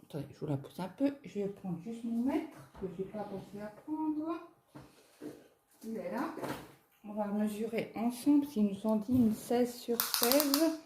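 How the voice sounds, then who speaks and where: Slow-talking French woman showing crafts. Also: a little high, expressive, mellow, slight background noise. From France. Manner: slow, chatty, hesitant with fillers. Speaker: craft vlogger. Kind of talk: casual unboxing show-and-tell.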